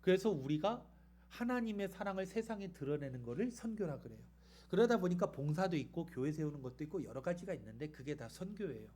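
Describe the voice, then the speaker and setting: A man preaching a sermon in a church, retelling the story in a lively way and putting questions to the congregation. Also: on the high side, brisk. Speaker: pastor.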